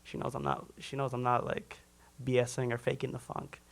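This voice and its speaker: A young man from Minnesota, a musician guest chatting casually in an interview, loose and relaxed with frequent restarts. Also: mid-range voice, fairly quick, creaky. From Minnesota, USA.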